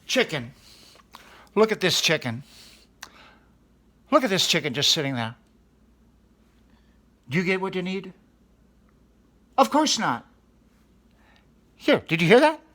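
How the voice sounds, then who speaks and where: A man's voice: high-pitched, sing-song, slow, long pauses, pushed and bright. A man hosting a mock-serious comedy talk show in a studio, earnestly questioning food as if it were a guest.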